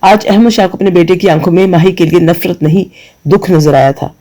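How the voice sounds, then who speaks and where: A man's voice: high-pitched, warm tone, low-quality recording. A man narrating a romantic novel, voicing all characters and reciting verses. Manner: reads every character himself, recites verses.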